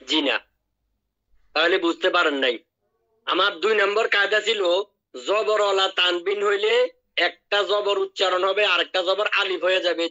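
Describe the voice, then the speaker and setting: A man teaching Quran recitation. His voice is high and bright, and he drills each word slowly and patiently. The call audio sounds dull and lo-fi. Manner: drills words by repeating them slowly. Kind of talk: online tajweed lesson.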